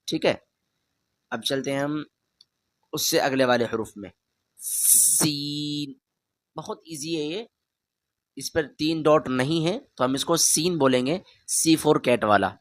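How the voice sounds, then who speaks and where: Male Quran teacher, patient and direct, drawn-out letter demos, dry close recording. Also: mid-range voice, dry recording. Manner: patient, repeats each letter loudly and drawn out; talks straight to the learner, asks them to repeat. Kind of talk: beginner Arabic letter lesson.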